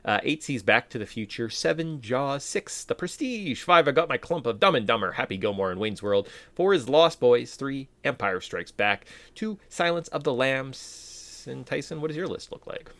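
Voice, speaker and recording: A man's voice: medium pitch, lively intonation, normal speed, hardly any pauses, a bit bright, no room sound. A man co-hosting a podcast, chatting casually and enthusiastically with plenty of fillers. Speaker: podcast co-host. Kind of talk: casual chat.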